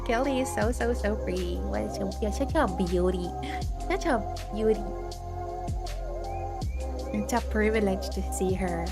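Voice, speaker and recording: Woman streamer, high voice, unhurried and giggly, reading tarot for chat over background music. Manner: giggly, chatty, greets chat warmly. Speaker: live streamer doing tarot card readings. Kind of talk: casual live-stream chat with viewers.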